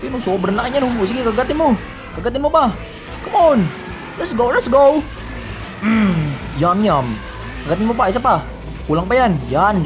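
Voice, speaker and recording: A man giving excited, shouty commentary over his own gameplay, calling out to viewers as he plays. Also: high voice. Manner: hyped, shouty, constantly addressing viewers. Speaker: gaming YouTuber. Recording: game music under voice. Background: background music.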